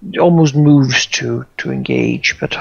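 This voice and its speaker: A man narrating a tabletop game as game master, in halting, searching descriptions. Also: mid-range voice, wildly swooping pitch, creaky, slightly rough, no echo, lo-fi sound.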